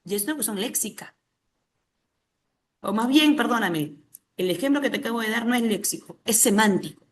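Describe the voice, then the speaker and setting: A woman's voice: on the high side, animated, normal speed, long pauses. Peruvian woman teaching an exam-prep class. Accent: Peruvian Spanish. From Peru. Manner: questions the class and answers herself, often adding a tag question. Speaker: language teacher.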